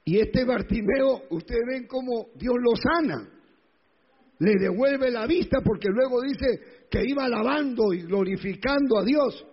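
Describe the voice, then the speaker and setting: A male pastor delivers a sermon in a high, gravelly, husky voice, speaking a little slowly with lively intonation. He leans on emphatic repetition and rhetorical questions. The dull, lo-fi recording carries the long echo of a church hall.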